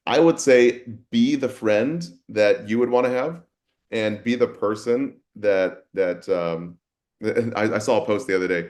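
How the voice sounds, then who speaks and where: A man with a fairly low voice talks through a casual webinar as a nurse educator. He sounds easygoing, with plenty of fillers and loose restarts as he chats. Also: measured pace. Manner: relaxed, with many fillers.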